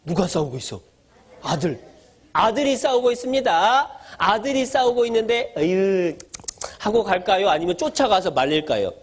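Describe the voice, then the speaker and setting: A man's voice: high voice, very animated, normal speed. A male pastor giving a sermon to children, asking them questions and answering them himself, in a simple, playful storytelling way. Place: church gathering for children.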